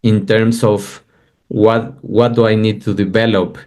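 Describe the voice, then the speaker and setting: Slow, low-voiced thoughtful man. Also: flat delivery, darkish tone. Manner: thoughtful, hesitant, many fillers. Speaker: podcast guest. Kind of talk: casual conversation.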